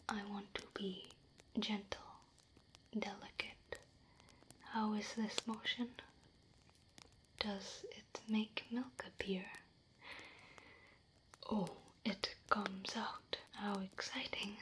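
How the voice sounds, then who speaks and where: A woman's voice: mid-range voice, slight background noise, poor audio. A woman whispering close to the mic as a proud, curious female orc warrior who speaks broken English and talks about herself in the third person. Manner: soft close whisper throughout. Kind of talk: ASMR roleplay.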